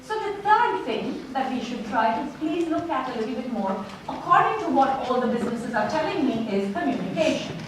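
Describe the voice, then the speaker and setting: A woman's voice: high-pitched, sing-song, fairly quick, few pauses. A woman with an Indian accent giving an interactive conference talk as a public speaker, emphatic and putting questions to her audience. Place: large indoor conference room with an audience. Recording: roomy, echoing hall, distant mic, audience noise.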